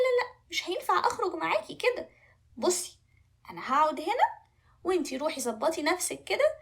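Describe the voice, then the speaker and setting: A woman with an Egyptian Arabic accent voicing a vain, fussy young prince in a children's story. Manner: shrill and fussy, squeals in disgust.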